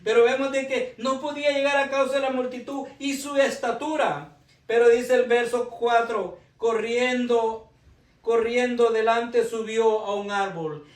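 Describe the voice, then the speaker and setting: A man's voice: extremely high pitch, fairly even intonation, a little slow. A man preaching a sermon, earnest and building to emphasis, often addressing the congregation as brothers and sisters. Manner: earnest, with rising emphasis and frequent "mis hermanos". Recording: echoey room, heard from a distance.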